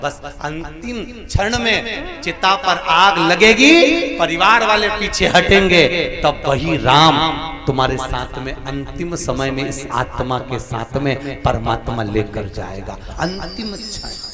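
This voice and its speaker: A male preacher telling a devotional story sermon in a lively, joking way. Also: a little high, takes it slowly.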